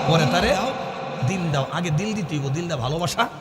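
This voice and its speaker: A male Islamic preacher, delivering a sermon that swings between loud sing-song chanting and low conversational asides. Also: animated, fairly quick, a crowd in the background. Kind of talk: melodic sermon at a religious gathering. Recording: reverberant PA sound with faint music.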